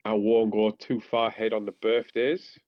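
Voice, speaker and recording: A man with a Teesside accent, co-hosting a podcast and reading out announcements in a casual, halting way. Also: fairly low pitch, little pitch movement, no room sound. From Teesside, north-east England. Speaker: podcast co-host. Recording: slightly dull lo-fi microphone.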